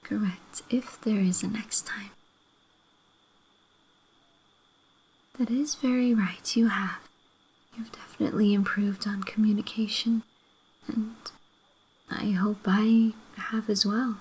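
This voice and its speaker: A woman playing a loving, apologetic girlfriend in a breathy whispered role-play, gently making up after a fight. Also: medium pitch, steady tone, a little slow, slight background noise, close to an everyday voice, poor audio. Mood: tender, apologetic. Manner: gentle, reconciliatory, making up tenderly.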